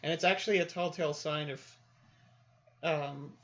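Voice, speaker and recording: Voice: medium pitch, fairly even intonation, normal speed, a bit bright. A podcast co-host in casual chat who teases with dry jokes, on dull lo-fi audio.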